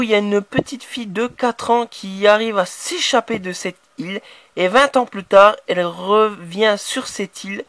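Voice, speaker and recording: A man with a French accent talks through his horror DVD purchases in a casual, rambling way, full of restarts and fillers. His voice sits high for a man. The recording is dry and close, with no room echo. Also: fairly bright tone. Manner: hesitant, many restarts and fillers, enthusiastic. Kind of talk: casual unboxing chat.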